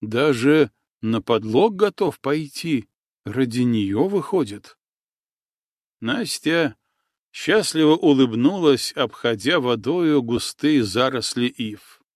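A male narrator reading an audiobook with expressive, lively intonation and an unhurried pace. His voice is in a middle register. The recording is dry and close, with no room sound. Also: medium pitch, dry recording. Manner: expressive storytelling.

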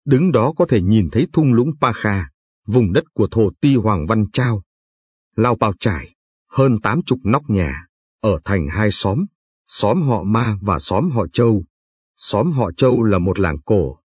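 A male audiobook narrator reading a novel in measured, vivid storytelling. His voice is low and husky. The recording is dry and close. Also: lively intonation, no room sound.

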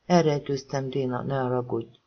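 A woman's voice: very deep voice, fairly even intonation. A man putting on a thin, frightened woman's voice. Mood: fake panic. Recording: slightly dull lo-fi audiobook.

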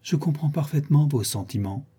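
Brief: a man doing a flighty, effusive young lady in a storybook, raised pitch, dark husky tone. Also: expressive, fairly quick. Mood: gushing. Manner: effusive, exaggerated, gossipy. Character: gushing, flattering young woman friend. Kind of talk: audiobook reading.

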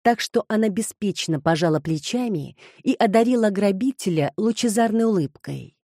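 A woman reading a novel aloud in a calm, measured way. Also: medium pitch, no echo, clean studio sound. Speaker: audiobook narrator. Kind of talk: scripted audiobook narration.

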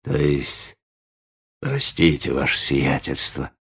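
A poor old organ-grinder who is humble but holds on to his dignity, as a man reading an audiobook voices him. He speaks low, slow and hushed, hesitating between words. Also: vocal fry, husky, heavily acted. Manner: quiet, halting, humble but firm. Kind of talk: audiobook narration.

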